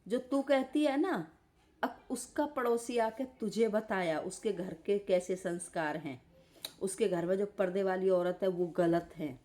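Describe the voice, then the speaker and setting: Woman live streamer, lies in bed and hurls scolding insults in a roast rant; dark, even tone. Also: medium pitch, measured pace. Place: lying in bed.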